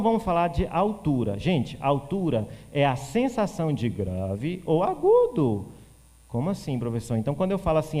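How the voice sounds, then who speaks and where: A man from teaching physics for exam prep, animated, answering questions he voices himself for a student. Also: a little high, in a large hall. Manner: animated, plays the student asking questions in a shifted voice.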